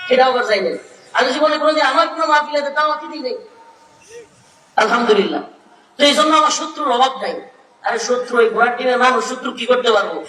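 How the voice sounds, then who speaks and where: A middle-aged man with a Bangladeshi Bengali accent, preaching a fiery open-air sermon, often shouting and rising high on Arabic verses. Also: far from the mic, slight background noise. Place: outdoor religious gathering. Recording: echoey loudspeaker sound from afar with crowd.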